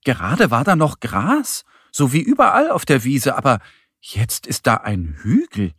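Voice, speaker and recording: A man narrating a children's audio story in a lively, expressive way, with a husky voice. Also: mid-range voice, measured pace, no room sound, clean studio sound.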